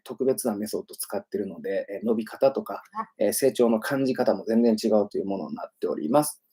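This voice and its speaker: A man's voice: lowish voice, mellow, husky. A man hosting a casual livestream as an English pronunciation teacher, chatty and self-promoting, with many fillers.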